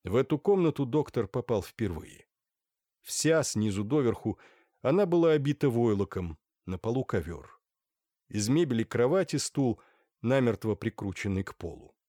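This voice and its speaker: A man narrating a period novel in an expressive storytelling manner, close to the mic. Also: medium pitch, normal speed, no echo. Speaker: audiobook narrator. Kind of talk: scripted narration.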